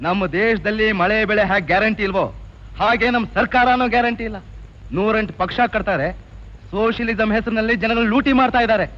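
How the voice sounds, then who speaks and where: A man's voice: sits high, fairly bright tone. An actor playing a boastful young local tough who lectures his friends and turns menacing, in 1980s film acting. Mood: swaggering. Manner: boastful, lecturing, quick to anger. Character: swaggering young male neighborhood tough, boastful. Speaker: local gang leader. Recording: dull old film soundtrack.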